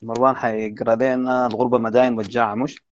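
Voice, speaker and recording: A man hosting a casual online poetry chat, teasing his friends in quick banter. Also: medium pitch, level tone. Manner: joking, teasing, fast banter. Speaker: host. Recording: dull lo-fi online call audio.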